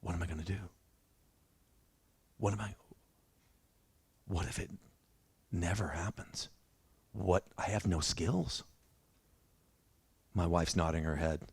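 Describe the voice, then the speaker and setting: A man's voice: sits low, slow pace, gravelly, pauses often, slightly rough. A man preaching a sermon in a church, telling his own story in a conversational, self-deprecating way. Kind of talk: sermon with personal testimony.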